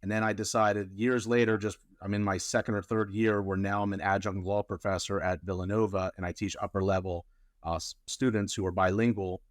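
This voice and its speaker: A man with a very deep voice talks casually about his work as a lawyer. He wanders through his answers with fillers and restarts. The sound is close and dry, with no room around it. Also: little pitch movement, brisk, no room sound. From Colombia. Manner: rambling, many fillers and restarts. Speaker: immigration lawyer, guest.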